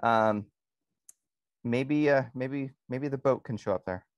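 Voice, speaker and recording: A man co-hosting a podcast in casual conversation, pausing often with ums and restarting his sentences. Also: medium pitch, dry recording, highs cut off. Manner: hesitant, many ums and restarts. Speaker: podcast co-host.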